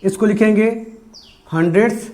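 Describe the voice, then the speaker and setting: A man's voice: high-pitched, a little slow, warm tone. A man teaching a math lesson, asking questions and answering them himself and stressing each number, with English math terms mixed into his Hindi.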